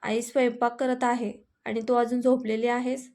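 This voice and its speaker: A woman's voice: on the high side, flat delivery, moderate pace, darkish tone, natural voice. A woman voicing a young male farmer, a hurt but firm husband, in a storybook reading with a raised, scolding delivery. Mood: angry.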